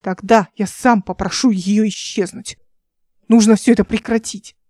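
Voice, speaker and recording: A woman's voice: medium pitch, fairly even intonation, normal speed, warm tone, no echo, studio quality, natural voice. A woman reading the part of a curt, commanding young male officer in an audiobook.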